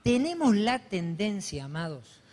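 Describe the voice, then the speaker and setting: A man's voice: sits high, very animated, unhurried. Man, pastor, sermon, fervent rising delivery, reverberant church hall. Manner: rises to loud fervent emphasis.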